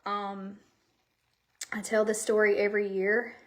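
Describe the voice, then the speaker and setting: A woman hosts a makeup live stream at home, her medium-pitched voice measured in pace with little pitch movement. Slightly breathless and rambling, she chats casually and directly to viewers via the camera aimed at her.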